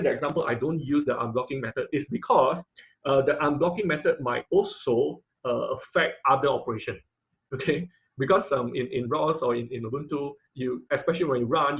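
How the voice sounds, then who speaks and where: A man instructs a live online coding tutorial over a computer mic on a class call, frequently stopping mid-sentence to rephrase. His voice is mid-range with a fairly bright tone, and the audio quality is poor.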